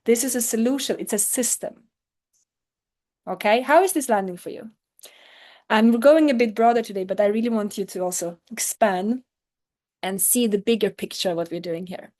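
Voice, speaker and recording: A woman's voice: a little high, moderate pace, long pauses, darkish tone. A woman business coach leading a live online workshop and answering participants' questions, talking to them directly with energy and enthusiasm.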